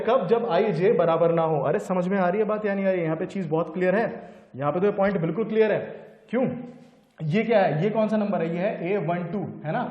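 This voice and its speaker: A man's voice: high-pitched, mellow. A male teacher explaining a lesson at the board, putting questions to the class and answering them himself. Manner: talks to students, answers his own questions, voices their doubts. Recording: echoey room.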